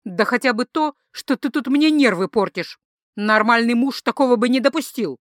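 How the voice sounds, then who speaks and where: A woman's voice: fairly high pitch, normal speed, dry recording, studio quality, natural voice. A woman reading an audiobook, voicing a blunt, exasperated young woman.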